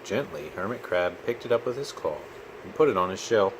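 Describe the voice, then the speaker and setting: Low-voiced man reading a children's storybook. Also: animated, a little fast, noisy background. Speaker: children's book reader. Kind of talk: storybook read-aloud to a child.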